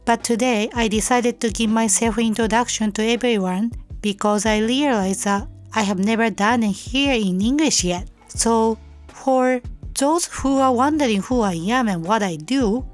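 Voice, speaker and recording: A young Japanese woman hosting her own podcast, reading a prepared self-introduction in careful, measured non-native English. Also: on the high side, faint music behind. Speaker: podcast host. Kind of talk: scripted solo podcast narration.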